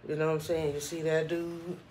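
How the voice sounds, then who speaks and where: A man's voice: on the high side, level tone, moderate pace, a little mellow, a little hiss or hum. A middle-aged man giving casual, rambling commentary as a vlogger in informal street slang. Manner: informal street slang, repeats "you know what I'm saying".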